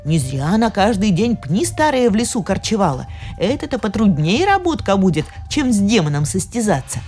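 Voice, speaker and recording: A woman narrating a folk tale in an expressive telling. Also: medium pitch, moderate pace. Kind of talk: storybook narration. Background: faint music.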